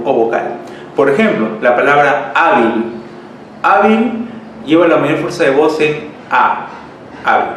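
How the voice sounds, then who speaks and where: A male language teacher giving a lesson, explaining rules step by step and checking in with his students. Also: fairly high pitch. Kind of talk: classroom lesson at a board. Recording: echoey room, mic far off, faint hiss.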